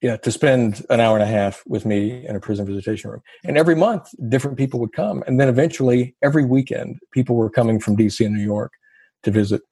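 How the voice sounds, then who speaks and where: A man's voice: mid-range voice, fast, mellow, breathy edge, no echo. A man from the South, a guest telling his story in an interview with a wry, self-deprecating humor. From American South.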